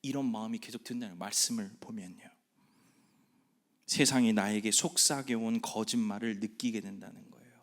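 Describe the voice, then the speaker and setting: A middle-aged man preaching to a congregation, his pitch sitting in an ordinary middle range. He keeps firing pointed rhetorical questions at the room, then drops his voice low and near-whispering. Now and then he slips into quick, sharp voices to play nagging parents and scoffing outsiders. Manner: animated preaching, swinging between loud emphatic questions and low quiet asides; acts out quoted voices of nagging mothers and worldly voices. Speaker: pastor. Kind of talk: sermon. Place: church worship hall.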